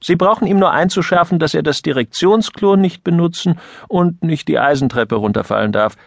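A man doing a cheeky, sharp-tongued young office woman. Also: fairly high pitch, vocal fry, dry recording, studio quality, voice pushed up. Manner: quick, cheeky, blunt.

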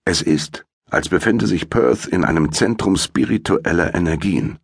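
A loud, blustering greying doctor, as a man reads him in an audiobook, talks with a booming, urgent edge. The voice sits extremely low with a husky grain. The recording is dry and close. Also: a little slow, dry recording, heavily acted. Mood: serious. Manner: uneasy and urgent.

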